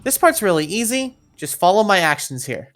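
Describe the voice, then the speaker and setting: A woman narrates an instructional video game walkthrough, guiding players step by step in a directive manner. Her medium-pitched voice is very animated and moves at a normal speed, with soft background music.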